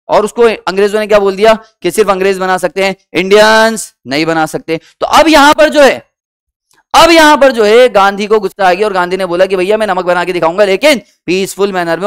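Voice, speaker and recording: Fairly quick and high-voiced, his tone fairly bright and clean, a man runs an energetic history class in Hindi-English. He quizzes students over and over, has them echo answers, addresses them as beta and performs short quoted bits.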